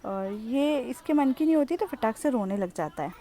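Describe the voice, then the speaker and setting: A young woman talks through her home vlog in a chatty, affectionate voice that sits a little high. Her tone is mellow and soft rather than bright, and she teases about the children as she tells it. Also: expressive, moderate pace. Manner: chatty and fond, teasing about the kids. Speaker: vlogger. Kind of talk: casual vlog narration.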